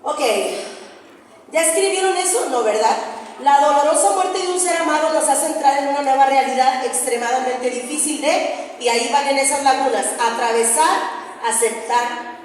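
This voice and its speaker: High-voiced woman preaching in a hall. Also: moderate pace, slight background noise. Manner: earnest, has listeners read along. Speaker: preacher and singer. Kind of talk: sermon to a women's group. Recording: echoey hall, distant mic, faint ambience.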